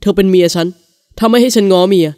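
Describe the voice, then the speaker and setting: A woman's voice: medium pitch, fast, mellow, natural voice. A woman voicing a proud, blunt-mouthed young husband who speaks curtly and possessively. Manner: curt, gruff and possessive.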